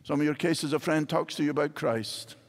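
With a fairly high pitch and a brisk delivery, an older man with a Scottish accent preaches a sermon. He is a pastor using wide gestures on a church stage, and the large building adds hall reverb.

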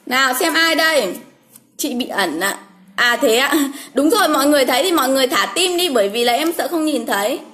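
A woman's voice: high-pitched, animated, brisk, a bit bright, slight background noise. A woman, hosting a casual livestream from home, chatty, calling names over and over with frequent exclamations. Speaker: livestream host drawing giveaway winners.

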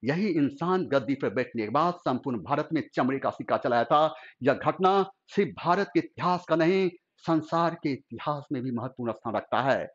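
A man's voice: mid-range voice, expressive, moderate pace, few pauses, highs cut off. A male history teacher telling a historical story in a dramatic, emotional lecture. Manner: emotional, theatrical narration.

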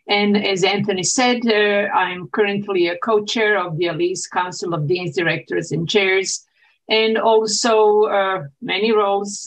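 Croatian-born woman dean, halting speech. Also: medium pitch, low-quality recording. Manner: hesitant, many "uh" fillers. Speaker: university dean, co-host. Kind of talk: webinar welcome remarks. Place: home office on video call.

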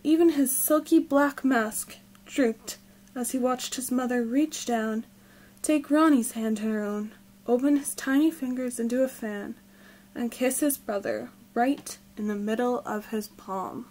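A woman reading a children's storybook aloud in a gentle, expressive way. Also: a little high, measured pace, poor audio. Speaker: storybook reader.

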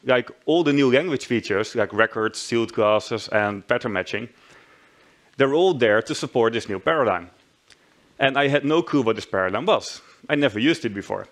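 A Dutch man in his thirties, with a Dutch accent, gives a friendly, self-deprecating tech talk from a large conference hall stage. His mid-range voice is animated and a bit bright, moving at a moderate pace. He restarts his sentences often.

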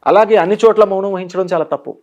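Fast-talking animated Telugu motivational speaker. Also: male voice, sits high, lo-fi sound. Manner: animated storyteller who plays out the scenes he describes. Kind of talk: guest in an interview.

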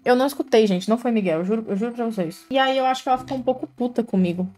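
A woman's voice: on the high side, racing, darkish tone. A young woman, chatting to viewers while doing cosplay makeup and telling childhood stories in a slangy, self-mocking way. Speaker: cosplay vlogger.

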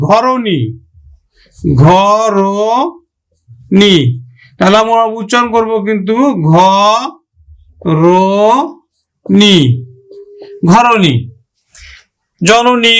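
A man's voice: high voice, a bit bright. A male teacher giving a grammar lesson, addressing students with questions and sounding out example words syllable by syllable.

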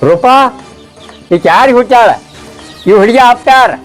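Blunt old grandfather played by a man, North Karnataka accent, very high voice. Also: unhurried, soft background music. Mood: confronting. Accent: North Karnataka Kannada. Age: older. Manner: blunt, confronting. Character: stern outspoken old grandfather. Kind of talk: village skit acting.

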